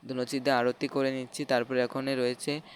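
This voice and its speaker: A man narrating a home worship ritual step by step for his channel viewers. He talks in a halting way, repeats himself often and keeps inviting his viewers to watch. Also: medium pitch, little pitch movement, a little hiss or hum. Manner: halting, repetitive explanations with frequent restarts and fillers. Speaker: channel host. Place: home prayer room.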